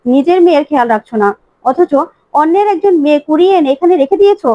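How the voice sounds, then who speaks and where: A woman voicing a sharp-tongued, meddling sister-in-law who needles the mother. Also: sits high, expressive, racing, no echo, dull audio. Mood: needling. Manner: needling, scolding.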